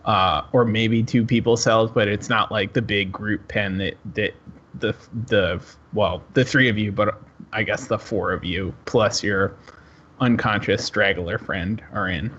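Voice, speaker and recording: A man's voice: on the low side, fairly even intonation, measured pace, fairly bright tone, lo-fi sound, a little hiss or hum. A man running a tabletop game as game master, describing scenes in a loose, easygoing way.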